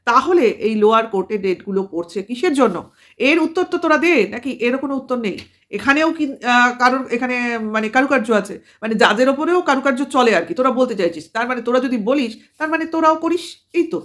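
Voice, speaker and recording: A woman vlogger, giving a combative, lecturing commentary full of pointed rhetorical questions. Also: sits high. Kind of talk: commentary monologue to camera.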